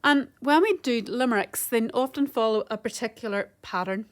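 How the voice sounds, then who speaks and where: A woman teaches a recorded home-learning lesson. She sounds out rhythms and counts syllables slowly and carefully, as a primary school teacher does. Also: a little high.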